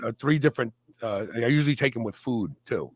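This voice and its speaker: A man's voice: mid-range voice, a little fast, slightly rough, no room sound, rough recording. A man hosting a health talk show, talking casually and acting out the voices in people's heads as he explains. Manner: animated, acts out inner voices. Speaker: podcast host.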